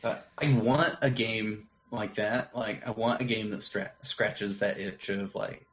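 A man's voice: on the low side, steady tone, unhurried, a bit bright, poor audio. A man co-hosting a gaming podcast in casual chat, talkative and joking, full of filler words. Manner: chatty, filler-heavy, joking. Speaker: podcast co-host.

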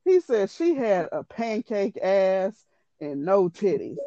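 A woman's voice: medium pitch, sing-song, slow, mellow, no echo. A woman animatedly retelling a story in casual, profane, exasperated chat. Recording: dull lo-fi dry audio.

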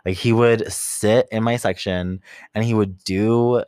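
A man co-hosting a podcast, chatting and gossiping in an expressive way and swearing freely. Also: lowish voice, measured pace, clear, resonant tone, dry recording. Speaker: podcast co-host. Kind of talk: casual gossipy chat.

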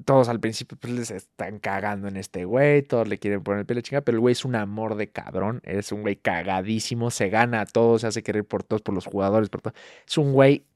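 A man's voice: lowish voice, fast talker, dry recording, studio quality. A young adult man with a Mexican accent, co-hosting a casual podcast chat, profane and teasing. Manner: profane, teasing, animated storytelling. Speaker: podcast co-host.

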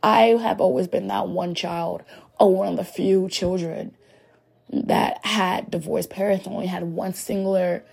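A young woman hosting a podcast, talking frankly and rambling in a casual monologue while hoarse from losing her voice. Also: medium pitch, steady tone, a little slow, darkish tone. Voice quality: gravelly and raspy. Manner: rambling, frank, heavy on "like" fillers. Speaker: podcast host.

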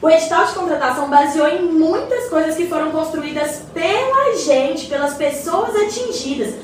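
Her voice is very high and animated, delivered at normal speed: a Brazilian woman acting as a patient, well-informed neighbour in colloquial radio drama. She explains and encourages while addressing her neighbour respectfully, captured with a distant mic, roomy echo, and faint background noise.

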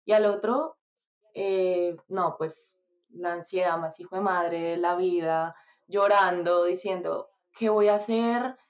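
Soft-spoken woman guest, dull sound. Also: fairly low pitch, fairly even intonation, takes it slowly. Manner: soft-spoken, hesitant, fillers. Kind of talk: casual interview chat.

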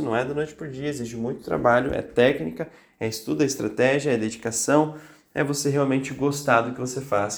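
A man's voice: medium pitch, creaky, reverberant. A man hosting a motivational podcast for teachers, talking insistently and repeating phrases for emphasis, a little congested with a cold. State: slightly congested with a cold, occasional coughs. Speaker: podcast host coaching teachers.

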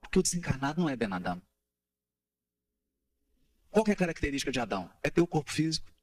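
Lively high-voiced man explaining. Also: fast. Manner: animated, asks rhetorical questions, taps out rhythms. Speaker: study group speaker. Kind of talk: explanatory talk on gospel study.

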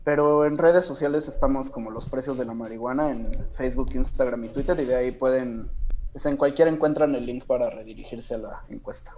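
A man's voice: medium pitch, fairly quick, crowd noise. A Mexican man as a radio guest, talking in a laid-back way with many fillers. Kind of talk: casual radio interview.

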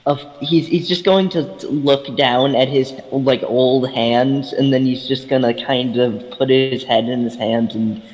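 A man playing a tabletop game, joking casually in an excitable, sweary way. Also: medium pitch, a little slow, few pauses. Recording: long hall-like reverb.

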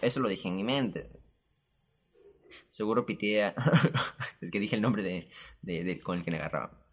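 A man's voice: lowish voice, measured pace, noisy background. A young man with a Peruvian Spanish accent, casually telling a personal story with crude slang. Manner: animated, crude slang, jumps into quoted voices. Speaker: storyteller host.

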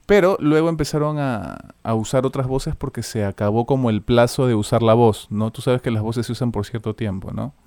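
A man's voice: medium pitch, brisk, few pauses, darkish tone, no echo, clean studio sound. A man in his forties with a Peruvian Spanish accent, a voice-over announcer chatting casually in a rambling way. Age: 40s. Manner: easygoing, rambling, tags lines with "¿no?". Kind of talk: casual chat.

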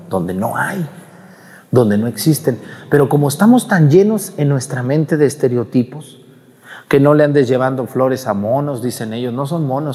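A man's voice: medium pitch, warm tone, in a large hall. A man preaching a homily at mass in a conversational style, often acting out what parishioners say. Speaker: priest.

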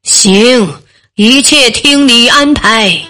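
A woman's voice: fairly high pitch, extremely slow, sharp tone, full character voice. A woman voicing a proud, hot-tempered male king who scolds brusquely in a storybook reading.

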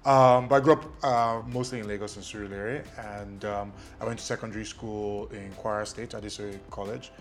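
Rambling Nigerian man with low voice. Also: fairly even intonation, brisk, few pauses, over music. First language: Ijesha. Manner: rambling, lots of ums, self-deprecating. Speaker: guest, media company CEO. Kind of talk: casual interview.

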